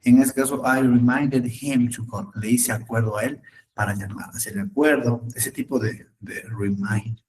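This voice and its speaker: A man's voice: mid-range voice, steady tone, moderate pace, darkish tone, distant mic, poor audio. A man teaching an English class in Spanish, patiently repeating words and checking understanding. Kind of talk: online class, explaining in Spanish.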